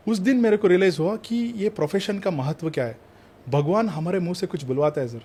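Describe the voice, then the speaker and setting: A man with a somewhat high voice speaks as a numerologist and vastu consultant. He tells his stories earnestly, slips between Hindi and English phrases, and keeps calling his interviewer sir. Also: brisk, mellow, slightly rough. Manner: addresses the host as sir in nearly every sentence. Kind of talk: earnest anecdotal storytelling.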